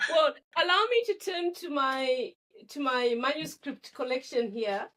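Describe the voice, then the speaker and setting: Middle-aged woman author from zimbabwe, chatty guest, laughs a lot, voice on the high side. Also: unhurried. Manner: animated, laughs often, repeats words while thinking. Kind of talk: casual interview conversation.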